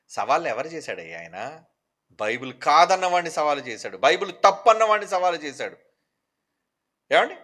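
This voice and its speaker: A man's voice: high-pitched, bright, forceful tone. A man preaching an impassioned sermon, firing rhetorical questions and scolding and pleading in turns.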